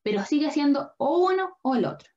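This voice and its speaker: A young woman teaches biology in a high, bright voice. She explains patiently, drawing as she goes and often asking whether her students follow. The audio sounds dull and lo-fi, like an online class recording. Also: very animated, brisk. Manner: patient, checks understanding with frequent questions. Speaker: biology tutor.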